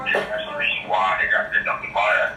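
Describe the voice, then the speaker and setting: A man in jail, talking on a prison phone call in a halting way and often repeating himself. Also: deep voice, little pitch movement, pushed and bright. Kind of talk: phone conversation. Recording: distant echoey phone line with music.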